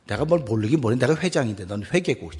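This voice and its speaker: A middle-aged male pastor preaching a dramatic sermon in a church, dropping to a hushed voice for acted prayers and rising to loud exhortation. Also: mid-range voice, animated, fast, slightly rough. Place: church sanctuary.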